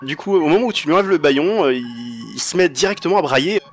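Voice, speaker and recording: A man narrating a tabletop role-playing game as game master, halting as he searches for words. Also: on the high side, expressive. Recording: music behind the voice.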